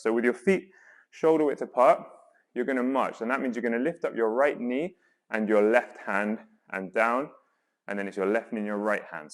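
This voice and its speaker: A man leading guided exercise as a workout instructor, coaching in an encouraging, reassuring way with counts and cues. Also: lowish voice. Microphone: worn mic while exercising.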